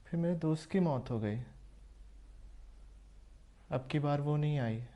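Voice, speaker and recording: A man performing an audition monologue as an obsessed young man who kills his family, in an intense, brooding delivery that slowly turns unhinged. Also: fairly high pitch, warm tone, close to an everyday voice. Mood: obsessive. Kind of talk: dramatic monologue.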